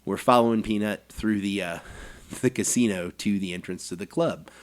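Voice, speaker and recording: A man in his forties with a fairly low voice, co-hosting a podcast. He tells an anecdote in casual chat, lively and quick to laugh. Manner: animated anecdote telling with acted quotes and laughs. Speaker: podcast co-host.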